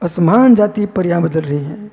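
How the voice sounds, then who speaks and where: In a large hall, a Jain monk with a high, mellow voice delivers a philosophical sermon. He poses questions, answers them himself, and repeats phrases slowly.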